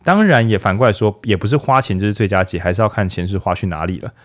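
Male host, low-pitched, casual and jokey, for a book podcast. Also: fast talker. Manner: chatty, animated, jokey rhetorical questions. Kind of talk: casual book review talk.

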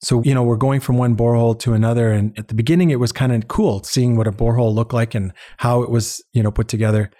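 In a warm, medium-pitched voice with a flat delivery, this Ugandan-born man who later lived in Canada speaks quickly and with few pauses. He heads an international eye-care charity and shares personal stories in an interview, conversational and reflective, repeating words to stress them.

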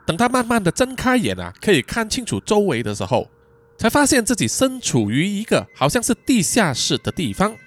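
A man's voice: high voice, dry recording. A man narrating a podcast thriller story in a dramatic storytelling manner. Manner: lively, dramatic storytelling with drawn-out particles. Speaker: storyteller host.

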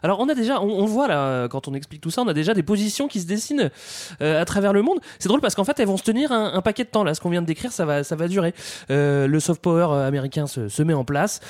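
A man's voice: high-pitched, animated, fast talker, a little mellow, no echo, studio quality. A man hosting a casual talk show about film history, joking as he moves the talk along. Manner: jokey, leads the segments. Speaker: host. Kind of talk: casual podcast chat.

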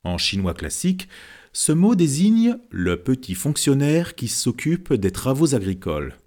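A man voicing a modest, shrewd literature teacher who reads fortunes from written characters, speaking calmly and explaining. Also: mid-range voice, a little slow, pitched above the performer's own voice. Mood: knowing.

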